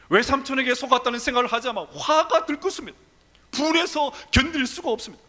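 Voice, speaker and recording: A man's voice: very high voice, sharp tone. A male pastor preaching a sermon, telling the story dramatically in a church sanctuary. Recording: long church reverb.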